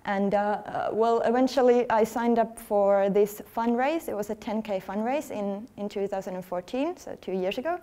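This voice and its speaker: A woman, giving an earnest, conversational talk at a conference, now and then pausing over her words. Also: mid-range voice, mellow. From Finland. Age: 30s. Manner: earnest, conversational, slightly halting. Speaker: athlete speaking at a workshop. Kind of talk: conference presentation. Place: conference hall.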